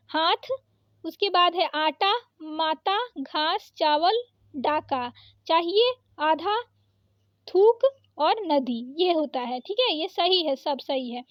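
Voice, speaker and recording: A woman teaching an exam-prep spelling lesson, listing wrong and right forms in quick pairs. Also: extremely high pitch, no echo. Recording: dull, dry close recording.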